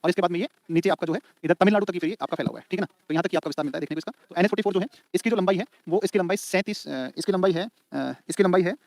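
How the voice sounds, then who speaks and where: Male teacher, exam-prep lecture, repetitive dictation, slightly high voice, colloquial. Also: very fast, few pauses, a little mellow, no echo. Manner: repetitive, drills points for students to write down; colloquial, addresses students as beta and bhai.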